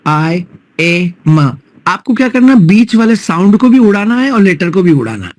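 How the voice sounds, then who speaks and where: A man with an Indian accent leads a live online English-speaking class. He mixes Hindi and English and keeps checking in with his students through tag questions. His voice sits fairly high and sounds close and dry, with no room around it. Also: sing-song, a little fast, darkish tone, no room sound. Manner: repetitive drilling, breaks words into sounds.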